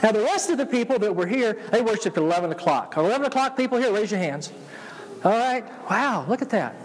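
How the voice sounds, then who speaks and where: A male pastor with a Georgia Southern accent delivers a sermon in a high-pitched voice. He repeats key phrases and prompts listeners to answer him. His voice rings through a large hall with long reverb. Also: expressive, fast. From Georgia, United States. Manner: call-and-response, repeats phrases for emphasis. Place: church, preaching to a congregation.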